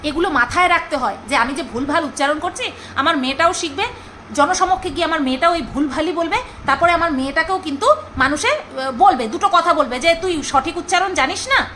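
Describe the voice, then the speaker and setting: A woman vlogger chats her way through a commentary on someone else's videos. Her voice sits very high and sounds bright and crisp as she teases and scolds. A faint noise runs under the recording. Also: a little fast, low-quality recording. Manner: chatty, teasing, scolding, mock-mimics others. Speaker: vlogger reacting to another creator. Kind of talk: casual commentary vlog.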